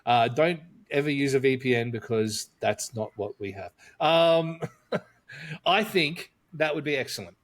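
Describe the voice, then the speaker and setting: A man's voice: mid-range voice, animated, measured pace. A man co-hosting a wrestling podcast, talking casually and joking, thinking aloud with plenty of fillers. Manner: chatty and jokey, thinking aloud with frequent fillers. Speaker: podcast co-host.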